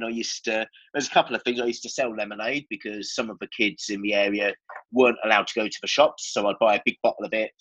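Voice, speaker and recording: A man's voice: fairly low pitch, fairly bright tone, lo-fi sound. A man with an Essex accent giving candid, explanatory answers as a guest in a conversational interview. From Essex, England. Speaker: podcast guest, business owner.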